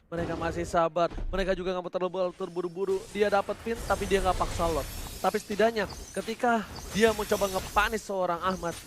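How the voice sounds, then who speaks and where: A man's voice: high-pitched, steady tone, a little fast. An Indonesian man commentating on an esports match as a caster, dramatic and emphatic, repeating phrases for effect. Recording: loud game noise behind the voice.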